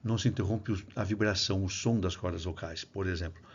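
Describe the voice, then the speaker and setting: A man's voice: low-pitched, fast, husky, highs cut off. A man from Brazil giving a recorded lecture on phonetics and music. He explains the material step by step, sounds out sample syllables aloud, and often checks in with a tagged "né?". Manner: explanatory, demonstrates syllables aloud, frequent "né?" tag. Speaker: music researcher and clarinet teacher.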